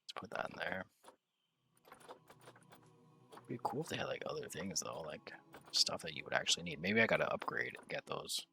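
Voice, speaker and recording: A young man talks to himself while he builds in a game, mumbling and wandering from thought to thought. His voice sits very low with a gravelly fry, yet it has a bright, sharp edge. Faint hiss and mouse clicks run underneath. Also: sing-song, moderate pace, long pauses. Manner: mumbling, rambling, thinking aloud while playing. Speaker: streamer. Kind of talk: relaxed gameplay chat.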